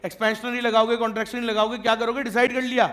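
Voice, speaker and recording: A man's voice: extremely high pitch, flat delivery, rapid-fire, a bit bright. A man teaching a classroom lecture. He jokes and teases his students and keeps checking that they follow. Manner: joking and teasing with students.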